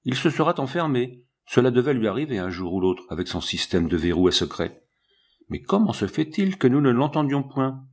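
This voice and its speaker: Brief: man reading as unflappable giant helper in a storybook, husky, brisk, animated. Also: medium pitch. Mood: calm. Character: huge strong calm man, a giant.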